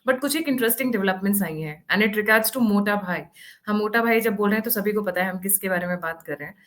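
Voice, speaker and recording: Female news-discussion host, mid-pitched, casual and lightly teasing. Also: fast, a bit bright. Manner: conversational, mixing English phrases, teasing.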